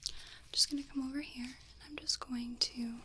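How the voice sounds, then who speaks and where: A woman in a whispered role-play as an ear-exam clinician, speaking in a soft, breathy whisper with a gentle, reassuring manner. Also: high voice, steady tone. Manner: gentle, unhurried, reassuring explaining. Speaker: ASMR performer playing an ear-exam clinician.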